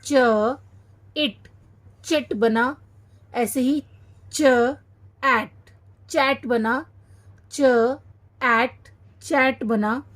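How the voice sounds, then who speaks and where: A woman teaching a children's phonics lesson, sounding out each syllable slowly and repeating every word. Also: high-pitched, fairly bright tone.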